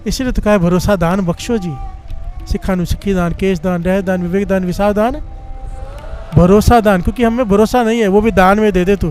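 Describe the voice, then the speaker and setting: High-voiced male preacher. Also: darkish tone. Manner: storytelling with repeated calls for the congregation to respond. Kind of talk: sermon.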